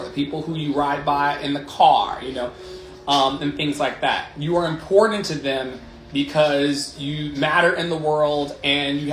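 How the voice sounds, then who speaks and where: A man's voice: a little high, fairly bright tone, slight background noise. A man in his late thirties hosting a motivational livestream, talking candidly and emphatically with swearing and repeated affirming phrases. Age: 30s. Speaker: life coach and livestream host. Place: living room. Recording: roomy echo, music behind.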